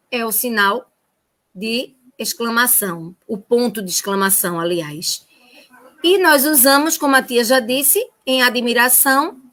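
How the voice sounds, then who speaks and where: A woman's voice: fairly high pitch, pushed and bright. Sing-song Brazilian woman teacher. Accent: Brazilian Portuguese. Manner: sing-song, child-directed. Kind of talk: remote lesson for first graders.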